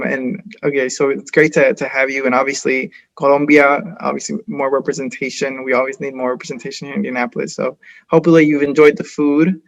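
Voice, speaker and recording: A man's voice: mid-range voice, fairly bright tone, highs cut off. A man co-hosting an interview segment, asking long, upbeat, rambling questions. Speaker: co-host.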